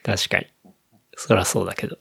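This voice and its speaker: A man's voice: brisk, fairly bright tone. A young man casually explaining a news story to a friend, with many fillers. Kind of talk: casual chat.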